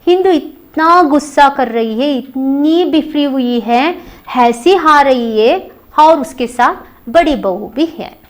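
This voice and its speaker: A woman teacher explaining a play to her students and reading the dialogue aloud in a raised voice. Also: fairly high pitch.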